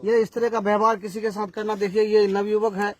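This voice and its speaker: A man's voice: sits high, level tone, fairly quick. A man reporting from the field, questioning a witness and then addressing viewers with moral comment. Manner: probing, then moralizing to camera. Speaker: local news reporter. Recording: loud crowd behind.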